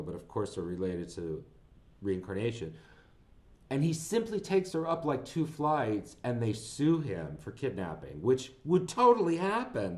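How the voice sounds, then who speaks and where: A man co-hosting a casual film podcast, his voice sitting at an ordinary middle pitch. He rambles through plot retellings, restarting his sentences and breaking into laughter at the absurd parts. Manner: rambling, animated, laughs while retelling scenes. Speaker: podcast co-host.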